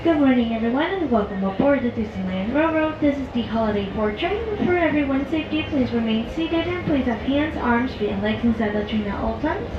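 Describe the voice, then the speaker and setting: A woman's fairly high voice comes through a train PA loudspeaker, echoey and heard from a distance. The sound is dull and muffled, with steady background noise. She makes informal live safety announcements as conductor. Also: a little fast, hardly any pauses. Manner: friendly, informal, with fillers and restarts. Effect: heard over a train PA loudspeaker. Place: open-air train carriage.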